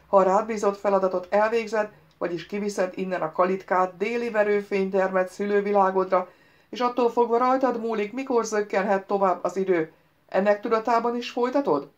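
Woman doing a booming unseen commanding voice. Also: muffled recording, close to an everyday voice. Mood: imperious. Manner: loud, commanding, reproachful. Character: unseen booming male voice, imperious, mocking.

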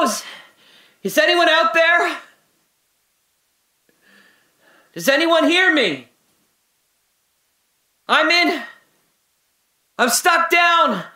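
In an audio drama monologue, an actor plays a man stuck in a dark, airless space, muttering haltingly to himself and slipping into memories. His voice is exaggerated and very high-pitched, and he calls out.

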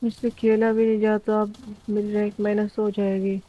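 Shy pleading gamer girl, slightly high, a man faking it with a gender swap filter, muffled voice chat. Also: completely flat delivery. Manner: sweet, pleading, fast-talking. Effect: voice changer filter making a man sound like a girl. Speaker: prankster streamer. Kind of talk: gaming voice chat prank.

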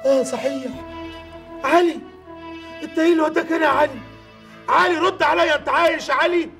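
A man's voice: extremely high pitch, fast talker, vocal fry, soft background music. An actor playing a bewildered man who spots a lost friend in a crystal ball, in a TV drama. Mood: astonished. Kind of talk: TV drama acting.

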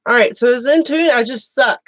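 A woman's voice: a little high, brisk, dry recording. A woman with allergies chatting casually and self-mockingly while she plays music on a live stream. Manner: self-deprecating, swears, muttering while playing.

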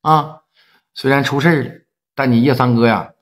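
A man with a Northeastern Chinese accent voicing a middle-aged gang boss who swears roughly and blusters. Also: medium pitch, fairly even intonation, moderate pace, natural voice. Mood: placating.

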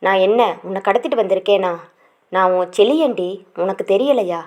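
A woman voicing a teasing, pushy young village man in a romance audiobook, quick and coaxing. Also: medium pitch, darkish tone, natural voice. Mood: pleading. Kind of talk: audiobook character reading.

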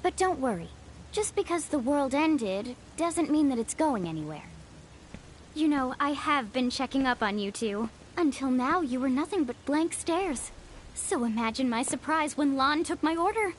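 A playful mystery lady in a game, high and singsongy, talks in riddles. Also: expressive, moderate pace, slight background noise. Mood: cryptic. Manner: teasing, cryptic. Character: mysterious playful woman who knows strange secrets.

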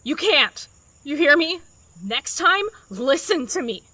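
Woman acting as a blunt fierce companion, high bright voice, slow, dry close mic, audio drama. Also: big pitch swings, no echo, full character voice. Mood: angry, scared. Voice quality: swearing, teasing bluntness. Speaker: voice actor.

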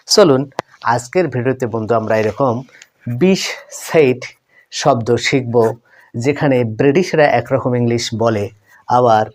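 A man's voice: medium pitch, a little mellow. A man teaching English vocabulary to viewers in a chatty way, repeating each word and asking the audience questions.

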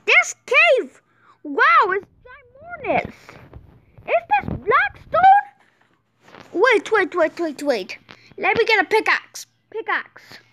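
Very high-pitched excitable gameplay host, woman. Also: takes it slowly, a little hiss or hum. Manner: excitable, exclaims often, restarts sentences.

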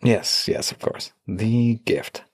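In a close-miked audio roleplay, a male voice actor speaks softly and affectionately to a loved one, with a teasing edge. His mid-range voice is slow with fairly even intonation, and there's no room sound.

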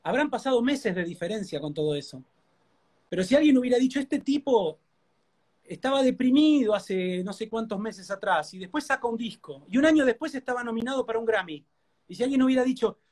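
A man's voice: very high voice, expressive, a little fast, a little mellow. A man with a Rioplatense Spanish accent shares a personal testimony during a live interview. He talks like a preacher, earnest and heartfelt. He repeats his words over and over for emphasis.

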